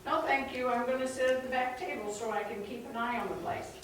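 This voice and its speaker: A woman's voice: a little high, steady tone, a little fast, close to an everyday voice. A woman acting a nosy, persistent photographer who fires pointed questions in a comic amateur stage play. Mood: dry, insistent. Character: nosy, persistent female celebrity photographer questioning diner staff. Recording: distant echoey hall, noisy, clicks.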